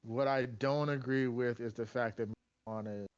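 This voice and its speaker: A man's voice: medium pitch, fairly even intonation, moderate pace, clean tone, no echo. A man talking casually over a video call, his voice breaking up on a bad internet connection and restarting to get his words in. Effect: voice cutting out over a bad internet connection. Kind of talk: casual group chat. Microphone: computer over a video call. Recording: dull lo-fi online call audio.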